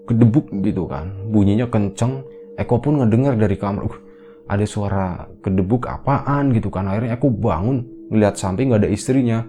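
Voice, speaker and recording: A man casually retelling a ghost story in a relaxed, conversational way, full of little fillers, with an Indonesian accent. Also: lowish voice, fairly quick, faint music behind. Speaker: horror storyteller.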